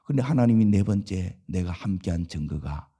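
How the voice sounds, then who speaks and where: A middle-aged man, a senior pastor, preaching a dawn revival sermon, asking the congregation questions and swinging from loud calls to hushed asides. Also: sits low, lively intonation, normal speed, slightly rough.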